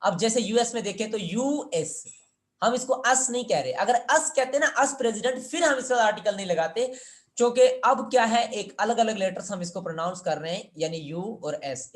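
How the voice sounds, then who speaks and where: A man's voice: high-pitched, animated, moderate pace. A man teaching an English grammar lesson, explaining step by step, repeating words and asking students for answers.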